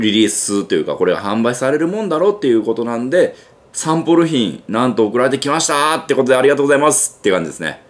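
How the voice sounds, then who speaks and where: A man with a Kansai accent hosting a casual gadget unboxing review, chatty and thinking aloud with lots of fillers. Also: on the low side. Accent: Kansai Japanese. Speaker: gadget reviewer and channel host.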